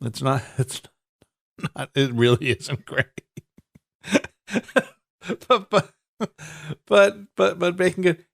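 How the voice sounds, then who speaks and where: A man with a high, slightly bright voice and vocal fry speaks slowly with lively intonation, pausing often. Co-hosting a casual podcast while stuffed up, he banters in a profane, rambling way, stammering into restarts and laughing.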